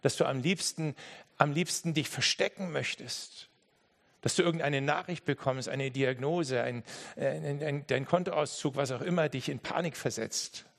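A man preaching a sermon emphatically, speaking straight to the listener and swinging between loud and hushed. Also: a little high, normal speed, vocal fry.

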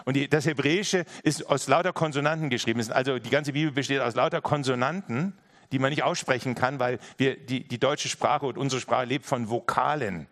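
A man's voice: mid-range voice, a little fast, fairly bright tone. A man preaching a sermon in an earnest, direct way, speaking straight to his listeners and often repeating his phrases.

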